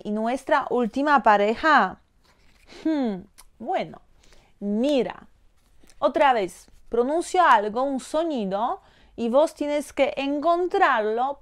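A woman teaching pronunciation, saying each word slowly and several times over. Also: a little high. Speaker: language teacher. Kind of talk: slow pronunciation lesson.

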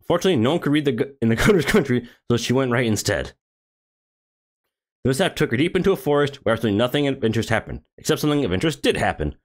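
A man's voice: medium pitch, very animated, racing. A man who streams games, reading a game story aloud with sarcastic asides.

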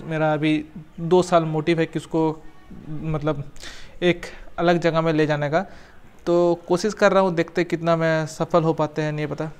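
A young man in his twenties, a small cafe owner and vlogger, gives a selfie tour of his tiny tea shop with his phone camera held at arm's length. His voice is fairly high and clean, and he chats loosely, rambling and restarting often. Street sounds make the phone recording noisy.

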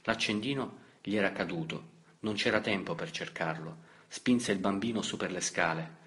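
A man reading a novel aloud as an audiobook narrator, in a measured, steady way. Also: low voice. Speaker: audiobook reader. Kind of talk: scripted literary narration.

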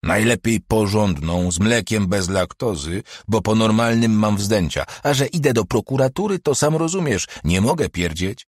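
A man voicing a gruff, foul-mouthed middle-aged police chief in an audiobook, speaking in a brusque, bossy way. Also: on the low side, expressive, moderate pace, few pauses, dry recording, studio quality, voice pushed up. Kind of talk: audiobook character voice.

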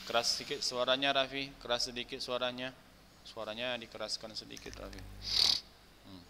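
A man's voice: mid-range voice, flat delivery, moderate pace, gravelly, sharp tone, big-room sound, slight background noise. A man teaching an Arabic grammar class, reciting verb patterns and calling on students by name, patiently asking them to speak up. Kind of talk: online class drilling word forms.

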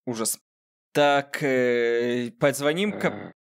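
A man's voice: mid-range voice, lively intonation, extremely slow, creaky, clear, resonant tone. A man hosting a gaming video with casual joking commentary, sarcastic and talking directly to the game character.

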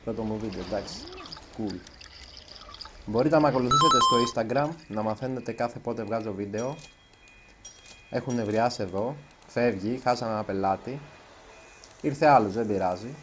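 A man's voice: lowish voice, long pauses, background noise. A man giving let's play commentary as a gaming YouTuber, chatty and nervous, tripping over his words now and then. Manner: chatty, self-conscious, trips over words.

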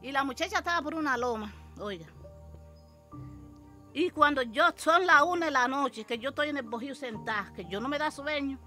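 An older woman, animatedly telling an interviewer her story as a mother and acting out the shouts and quotes in it. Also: high voice, animated, normal speed, soft background music.

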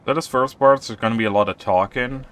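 A man's voice: medium pitch, quick pace, a bit bright, a little hiss or hum. A man giving casual, offhand commentary while playing a survival video game. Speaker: gaming youtuber.

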